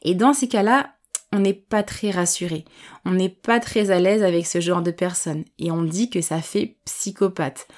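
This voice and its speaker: A woman teaching a vocabulary lesson, slowly and distinctly explaining each word with everyday examples. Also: on the low side, darkish tone. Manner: patient, clear explanations with examples; speaks slowly and distinctly on purpose. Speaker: French language teacher.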